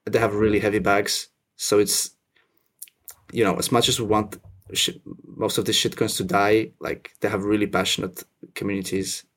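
A young man from Russia, raised in Finland, talking as a podcast guest in a relaxed, self-deprecating way with many restarts. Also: fairly low pitch, moderate pace. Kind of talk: casual interview chat.

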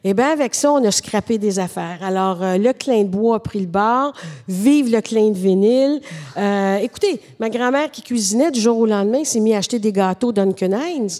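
A middle-aged woman with a Québécois French accent, explaining urban planning in a measured, professorial way as a podcast guest. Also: medium pitch, a little mellow, long reverb tail. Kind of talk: podcast conversation.

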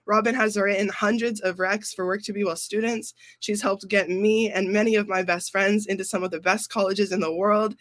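A man's voice: high-pitched, fairly even intonation, normal speed, hardly any pauses, fairly bright tone, no echo. A young man, a graduating student council member, talking casually on a podcast, emotional and effusive.

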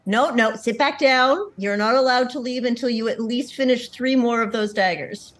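Higher-voiced woman playing a tabletop game. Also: normal speed. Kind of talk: casual in-character role-play chat.

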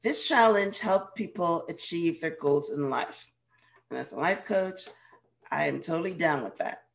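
A woman from Guyana, hoarse with a cold, speaking as a radio show host and life coach in an interview. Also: fairly low pitch, expressive, unhurried. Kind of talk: interview hosting.

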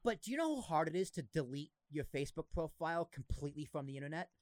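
Fairly high-voiced man with slight Boston accent. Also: no echo. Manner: animated, laughs often, quick asides. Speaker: podcast host. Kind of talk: casual chat.

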